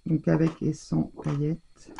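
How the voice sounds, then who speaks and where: A woman's voice: sits low, level tone, unhurried, creaky, dark tone, a little hiss or hum. A woman chatting casually in a haul video from her home craft room, talking with lots of hesitations and fillers. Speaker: scrapbooking vlogger.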